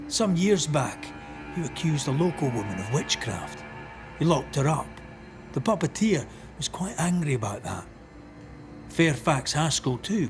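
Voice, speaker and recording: A man playing a solemn, righteous ghost hunter in a video game, measured and confronting. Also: medium pitch. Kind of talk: dramatic video game acting.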